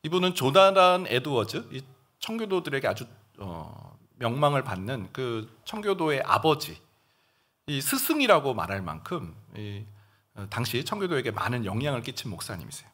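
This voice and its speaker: A man's voice: mid-range voice, sing-song, moderate pace, fairly bright tone. A middle-aged male pastor preaching a sermon in a church, acting out tempting voices and bold replies in quoted lines. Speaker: senior pastor. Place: church sanctuary.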